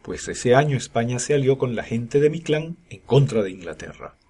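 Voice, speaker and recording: Grim old carter in an audiobook, read by a man, low and husky. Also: expressive, a little mellow. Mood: gloomy. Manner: hoarse, gloomy and slow. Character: gruff old male Scottish cart driver.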